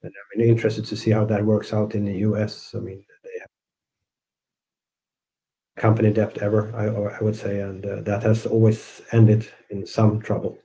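A middle-aged man from Sweden, a guest fund manager, talks through the markets in a low, flat voice. His tone is mellow and he is measured, often repeating a word before going on. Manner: measured, repeats words while searching for phrasing. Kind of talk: interview answers.

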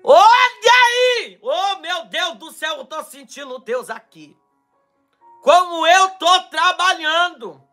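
Brazilian male pastor, live-stream prophetic sermon; fervent, shouting, strained throat, bright edge, faint music under. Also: very high-pitched, expressive, takes it slowly. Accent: Brazilian Portuguese. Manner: fervent, shouting, swings between loud cries and quiet asides.

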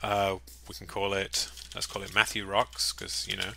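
A man giving a casual, upbeat screen-recorded software tutorial, with chatty, jokey asides. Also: deep voice, monotone, moderate pace, gravelly, a little hiss or hum. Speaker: software walkthrough presenter.

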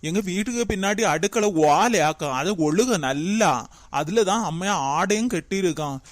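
A man's voice: sits high, moderate pace, no echo, natural voice. Chittu, fussing young wife, voiced by a man. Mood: fretting. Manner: complaining, fussing. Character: young married woman Chittu, worried daughter. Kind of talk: cartoon voice acting.

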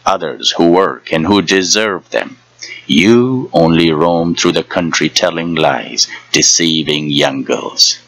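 A haughty young chief's niece ordering people away with scorn, as a male reader voices her. The voice stays the reader's own, extremely deep, slow and husky with a bright edge, recorded close and dry. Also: full character voice, rough recording. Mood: scornful. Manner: scornful, commanding.

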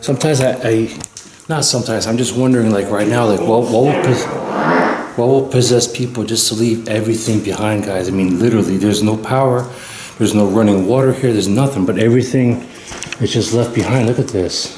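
A man in his thirties with a lowish voice speaks briskly while vlogging his exploration of an abandoned house and garage. Awed and chatty with viewers, he's captured on a handheld camera mic amid echoey empty rooms and background noise.

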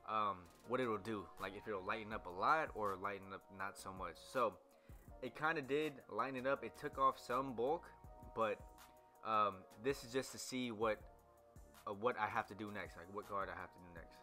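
A young barber talks loosely through a haircut tutorial voice-over, rambling with lots of ums, fillers and restarts. His fairly low voice, at normal speed, sounds pushed and bright. Faint music plays behind him.

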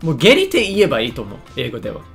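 A man's voice: medium pitch, huge pitch swings, very fast, creaky, fairly bright tone, faint music behind. A man giving casual, joking commentary on a lesson video, often stumbling over his words and making fun of himself. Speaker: YouTuber reacting to a lesson video.

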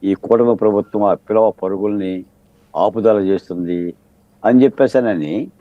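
The audio is narrow and tinny, with no echo, as a man with a lowish voice speaks at a moderate pace. He plays a political analyst on a televised debate set, arguing combatively through a stream of rhetorical questions.

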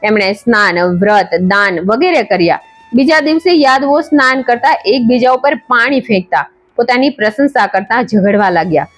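A woman reading a devotional scripture story as narrator, in an even, measured storytelling delivery. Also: on the high side.

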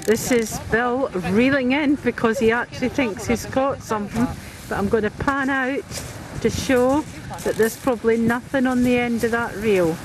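Filming her family at a pebble beach by the sea, a woman with a somewhat high voice chats and laughs through a casual home-video commentary at normal speed. The handheld camcorder mic captures wind and surf noise along with her amused, chatty remarks.

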